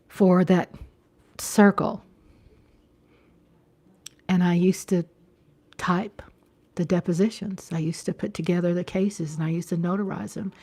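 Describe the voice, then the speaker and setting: Speaking in a lowish, mellow voice, a fifty-something woman hosts a livestream. Her manner is chatty and casual; she repeats phrases and keeps checking in with viewers by saying "you know."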